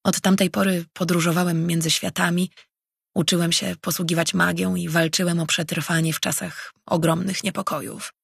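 An earnest, measured male mage, as an audiobook narrator reads him. The voice is heavily gravelly and husky, with a dry, close sound. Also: mid-range voice, level tone, fairly bright tone, dry recording. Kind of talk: audiobook character reading.

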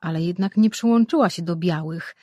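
A woman's voice: fairly low pitch, fairly quick, warm tone, no echo, lo-fi sound, natural voice. Woman voicing a sour sorceress. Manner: sour, skeptical. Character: sharp, sour-tongued female sorceress twin.

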